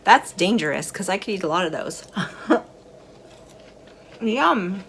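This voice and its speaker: A woman's voice: on the low side, brisk, slight background noise. A middle-aged woman hosting a movie review vlog, chatting casually and snacking while she recaps a film. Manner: chatty and relaxed, eating snacks while talking.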